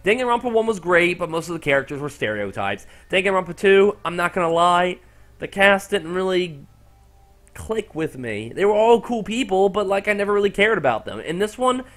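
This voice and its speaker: A young man casually commenting on a video game he is playing, animated and excitable, swearing freely. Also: high-pitched, fairly quick. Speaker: gaming YouTuber. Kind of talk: casual let's-play commentary.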